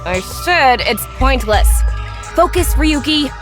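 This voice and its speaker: A woman's voice: high voice, sing-song, slow pace, pitched above the performer's own voice, heavily acted. A woman voicing a blunt, snippy young woman from a game, with a slight valley-girl tone. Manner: reads game dialogue aloud, a little valley-girl tone. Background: game music.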